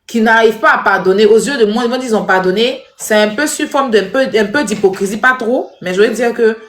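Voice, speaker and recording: Animated scolding woman in an echoey room. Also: on the high side, fairly quick. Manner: animated, scolding, repetitive, addresses viewers directly. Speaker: social media commentator. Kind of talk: casual commentary to viewers.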